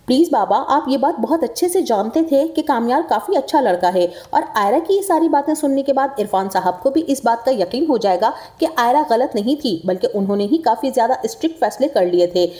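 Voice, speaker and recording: A woman hosting a drama review channel, retelling and predicting scenes in a steady, scripted narration that addresses viewers directly. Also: high voice.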